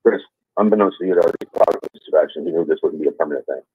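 Guy calling in over the phone, low husky voice, sounds tinny n dry. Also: rapid-fire, dry recording. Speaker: caller on a call-in show.

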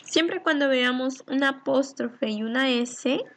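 A woman's voice: high-pitched, a little slow. A woman teaching a recorded English lesson for children, patiently reading each English line and then translating it, and asking questions that she answers herself.

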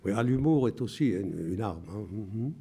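A man in his seventies from France talks in a reflective interview, his voice on the low side. His speech is deliberate and full of pauses, while his pitch rises and falls in lively swings. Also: breathy edge. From France (Bordeaux). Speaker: writer, interview guest.

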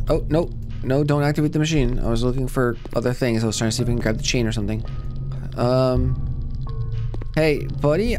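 A man commenting on a horror game as he plays, jumpy and joking, talking back to the characters on screen. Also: medium pitch. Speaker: let's play gamer. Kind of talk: playthrough commentary. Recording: game music playing behind. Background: clear game music.

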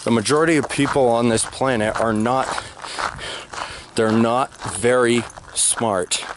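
A young American man vlogs while walking outdoors under open sky, speaking bluntly and insistently in an opinionated monologue and repeating his points. His mid-range voice has fairly even intonation and a slightly slow pace, with background noise, recorded on a handheld camera held low at arm's length.

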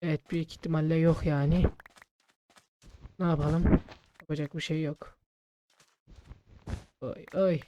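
A man gaming and role-playing, muttering to himself with quick exclamations in casual let's play commentary. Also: fairly high pitch, level tone, dark tone, dull audio, a little hiss or hum.

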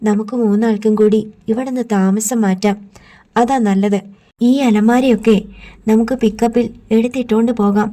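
A woman's voice: on the high side, steady tone, normal speed, mellow, close to an everyday voice. A woman reading an audiobook, voicing a strict, protective grandmother who scolds and insists. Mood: stern.

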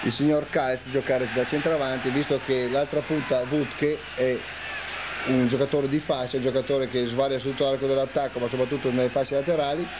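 A man's voice: medium pitch, little pitch movement, fairly quick. A man giving analytical live football commentary as a television co-commentator. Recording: noisy old TV broadcast audio.

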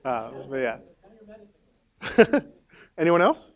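A man's voice: medium pitch, wildly swooping pitch, very slow. A man leading a conference workshop in a casual, upbeat way, full of "like" fillers as he gives the audience instructions. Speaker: workshop leader.

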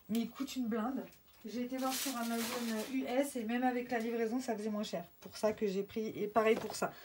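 A young woman chatting casually through an art-supply unboxing, excited and full of fillers and restarts. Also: a little high, background noise. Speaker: craft vlogger.

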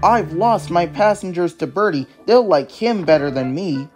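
A man's voice: sits high, animated, moderate pace, faint music behind. A man voicing a young, eager, slightly boastful male tank engine in an earnest, fretful way. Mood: glum.

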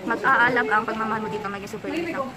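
A Filipino woman vlogger in casual, teasing chat, quick to laugh. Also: on the high side, a loud crowd, rough recording.

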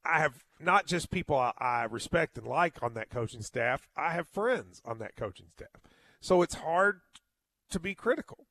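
A man giving an emphatic sports radio monologue, often halting and repeating his words. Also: on the high side, animated, bright, forceful tone, no echo.

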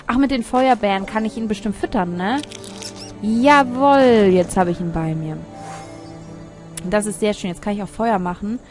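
A woman narrating her gameplay in a relaxed, chatty way, reading on-screen text aloud and muttering asides as she goes. Her voice sits at an ordinary pitch, with faint game music in the background. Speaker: let's player. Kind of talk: casual gameplay commentary.

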